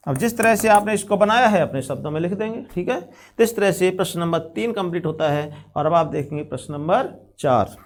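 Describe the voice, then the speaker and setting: High-voiced man teaching step by step. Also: fairly quick. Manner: explains step by step, repeating key phrases, calls students "beta". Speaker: math teacher. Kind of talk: classroom lesson on geometry constructions.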